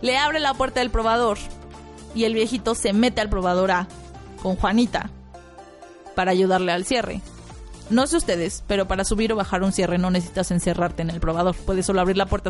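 A woman hosting a podcast, telling a work anecdote and acting out voices with high squeals. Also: fairly even intonation, fairly quick, soft background music. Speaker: podcast host. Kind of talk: storytelling anecdote.

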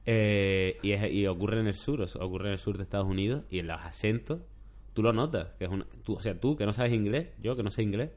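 A man's voice: on the low side, a little fast. A middle-aged man, chatting casually as a podcast host and telling rambling stories. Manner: rambling, storytelling with shouted impressions. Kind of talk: casual chat.

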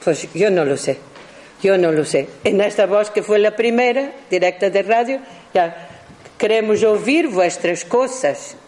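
Unhurried speaker, mid-pitched voice, halting restarts, self-correcting, explaining to a class. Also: lively intonation, a little mellow, low-quality recording. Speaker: speaker presenting their own recordings. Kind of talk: slow explanatory talk.

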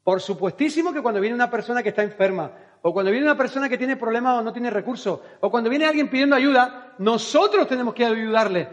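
A man's voice: very high-pitched, expressive, fast talker, dull audio. A male pastor with a Spain Spanish accent preaching a fervent sermon at a church service, full of rhetorical questions.

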